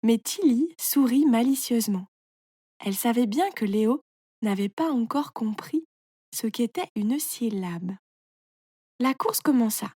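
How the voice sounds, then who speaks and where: A woman narrating a scripted children's story in a clear, measured storytelling manner. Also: on the high side, animated, mellow, no echo, studio quality.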